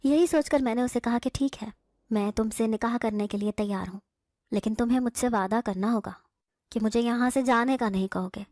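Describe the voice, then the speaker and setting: A woman's voice: fairly high pitch, a little mellow, no echo, studio quality. Earnest woman telling a horror story. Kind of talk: scripted first-person horror narration.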